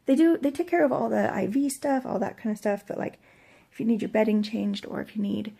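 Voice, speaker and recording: An American woman in middle age with a husky, breathy, gravelly voice, weak and achy after surgery, rambling hesitantly in a casual personal vlog. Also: fairly high pitch, fairly quick, warm tone. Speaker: vlogger sharing surgery recovery. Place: hotel room.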